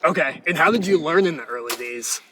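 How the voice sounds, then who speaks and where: A man with a fairly high voice asks casual interview questions. He sits some way from the microphone, and the recording is clearly noisy with clicks. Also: expressive, a little fast. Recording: noisy, distant from the mic, clicks.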